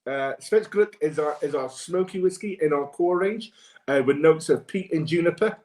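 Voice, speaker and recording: A man presenting sommelier-style tasting notes on a live webcast, informal and halting as he lists aromas and flavours. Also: a little high, darkish tone, reverberant.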